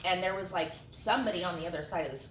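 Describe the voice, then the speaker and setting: A woman with a lowish voice tells a story to friends in a loose, animated way, swearing and acting out the quotes. She is picked up from a distance in a roomy space with a faint hiss behind her. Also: rapid-fire. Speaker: friend at a hot sauce tasting. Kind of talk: casual storytelling among friends. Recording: roomy sound from a distant mic with faint noise.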